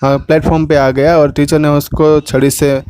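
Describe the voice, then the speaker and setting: A man's voice: fairly high pitch, level tone, moderate pace, darkish tone, a little hiss or hum. A man with a Gujarati accent, teaching a class lesson and retelling the story in detail, voicing its dialogue as he goes. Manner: retells the story in Hindi with English words, acting out quotes.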